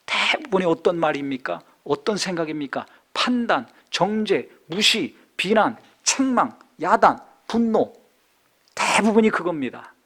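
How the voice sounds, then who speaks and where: Male pastor, high voice, sermon delivery that swings from hushed to fervent. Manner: swings between soft asides and loud rising exhortation; acts out scolding quotes in a harsh voice. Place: church sanctuary.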